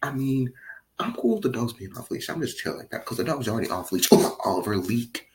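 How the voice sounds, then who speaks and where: A man's voice: medium pitch, expressive, a little fast, poor audio. A man telling a rambling storytime vlog, giggling, drifting off track and calling his viewers "guys". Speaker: vlogger.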